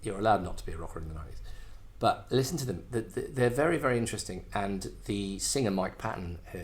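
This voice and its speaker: The host, a middle-aged man from England, talks fast and animatedly in a voice on the low side. It's a casual request show, and he rambles, puts himself down, and keeps filling and restarting his sentences.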